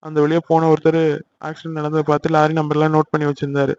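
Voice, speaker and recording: A man voicing a polite, dutiful police officer who questions a victim in a courteous, matter-of-fact way, in an amateur animated serial. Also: on the high side, quick pace, clear, resonant tone, lo-fi sound, lightly acted.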